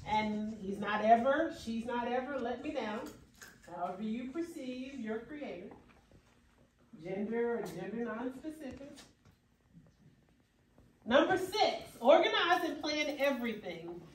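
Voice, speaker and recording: Her voice is a little high and expressive, a little slow, with frequent pauses and a slight hiss or hum. The young woman delivers a keynote in an emphatic, preacher-like style that occasionally bursts into exclamations, picked up from far off by a camera at the back of an echoing hall.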